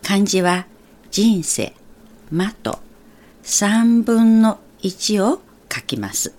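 A woman whose first language is Chinese, teaching phrases on a radio language lesson and explaining each character slowly and carefully. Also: mid-range voice, very animated, darkish tone.

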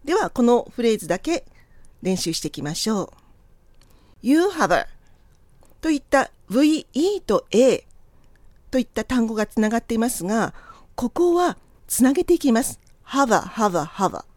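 A woman who is a native Japanese speaker teaches English pronunciation in polished, honorific speech, with her pitch swinging lively up and down. Her voice sits fairly high and sounds dry and close, with no room around it. She slows right down to model English phrases for the learner to copy. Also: dry recording. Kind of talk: scripted lesson narration.

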